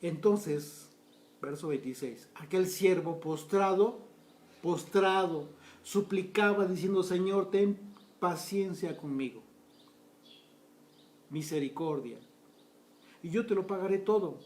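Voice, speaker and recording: High-voiced man teaching scripture in an echoey room. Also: slow pace, long pauses, a little mellow. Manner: reads scripture aloud and breaks off to explain, addressing listeners directly. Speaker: Bible teacher. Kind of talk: verse-by-verse Bible study teaching.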